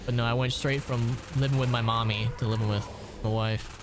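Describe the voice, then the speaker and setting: A man's voice: medium pitch, fairly even intonation, a little fast, background noise. A man in his late twenties from Ohio, chatting casually and profanely while gaming on a stream. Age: late 20s. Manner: rambling, profane storytelling.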